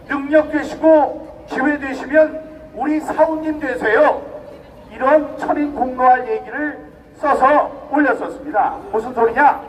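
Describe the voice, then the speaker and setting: A middle-aged man with a strikingly high voice delivers an emphatic outdoor rally speech, turning to the crowd with rhetorical questions. He sounds set back from the microphone, with a faint hiss of open-air noise behind him. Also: recorded from a distance, rough recording. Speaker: rally speaker.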